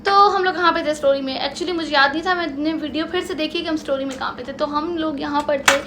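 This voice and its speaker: A high, bright young woman sits at home and tells a story straight to the camera. She acts out each side of the argument and keeps slipping into English. A faint hiss sits under her voice. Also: fast talker. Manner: animated storytelling, acts out both sides of an argument, mixes in English. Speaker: vlogger. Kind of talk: storytime vlog. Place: lounge at home. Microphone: camera in front of her.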